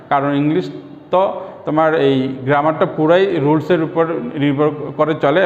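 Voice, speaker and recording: A man teaching an online English lesson for primary school pupils, explaining patiently and sounding out example words slowly, syllable by syllable. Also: on the high side. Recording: echoey room, dull lo-fi sound.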